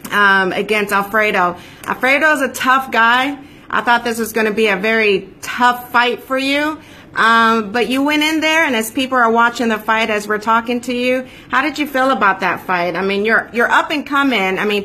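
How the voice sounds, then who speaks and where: A chatty woman hosts a casual live interview, her voice bright and fairly high. She talks in an upbeat way with plenty of filler ums. A faint hiss of noise sits under the recording. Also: normal speed. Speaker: host.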